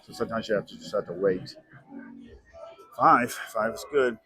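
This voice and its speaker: A man's voice: fairly low pitch, normal speed, pushed and bright, husky, no room sound, faint music behind. A man giving casual running commentary as he gambles, talking to himself in short informal remarks. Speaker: gambling vlogger.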